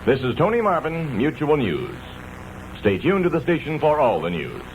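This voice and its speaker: A man's voice: on the high side, sing-song, moderate pace. An American man reading a scripted 1960s radio news bulletin. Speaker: radio newsreader. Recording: dull vintage radio, faint noise.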